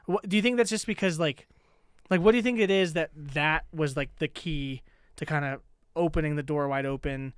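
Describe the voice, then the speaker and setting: A man's voice: a little high, normal speed, smooth, no room sound, clean studio sound. A man hosting a casual interview, talking thoughtfully and often checking in with "right?". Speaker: podcast host.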